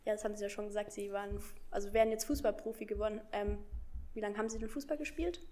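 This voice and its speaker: A woman's voice: mid-range voice, steady tone, quick pace, dark tone. A young woman conducting an informal school interview, asking questions hesitantly with many fillers.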